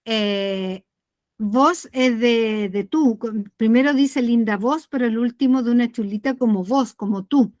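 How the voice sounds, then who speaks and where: A woman teaches poetry online in a high, unhurried voice. She explains step by step, asks the class questions and keeps checking that they follow. The sound is dry and close. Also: darkish tone, dry recording. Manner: explains patiently, often checks understanding with a question tag.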